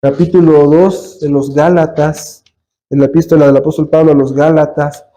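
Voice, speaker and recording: Predicador mexicano de voz aguda y oscura. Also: male voice, on the high side, steady tone, moderate pace, mellow. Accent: Mexican Spanish. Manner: addresses listeners as brothers, rhetorical questions. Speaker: preacher. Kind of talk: sermon. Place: church.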